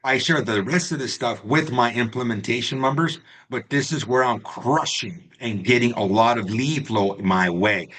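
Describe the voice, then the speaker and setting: At medium pitch and normal speed, with few pauses and a fairly bright tone, a man coaches real estate agents in a live online class. He talks straight to his students, often tagging lines with "right?" and "okay?"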